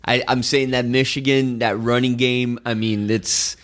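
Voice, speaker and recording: A man's voice: medium pitch, flat delivery, unhurried, fairly bright tone. Upbeat man steering a sports chat. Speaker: podcast co-host.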